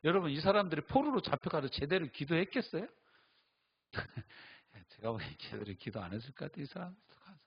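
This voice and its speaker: A man's voice: fairly high pitch, fast talker, husky, muffled recording. A middle-aged male pastor preaching at a Friday night service, telling stories with acted-out voices. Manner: animated storytelling, acts out quoted voices and laughs.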